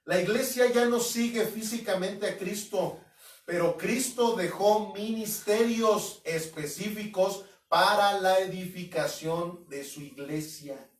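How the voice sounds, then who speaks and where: A man preaching an expository sermon as pastor, emphatic, now and then mocking doubters in quoted voices. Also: high voice. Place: at home. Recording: echoey room, mic at a distance.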